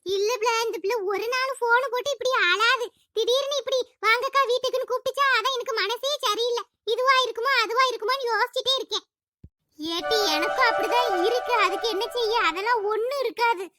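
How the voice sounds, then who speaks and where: Someone voicing a squeaky fussing village auntie. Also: pushed and bright, no room sound, studio quality. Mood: worried. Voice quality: sped-up squeaky cartoon voice. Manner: bossy, rapid village gossip. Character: chatty middle-aged village woman, neighbor. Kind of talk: cartoon voice acting.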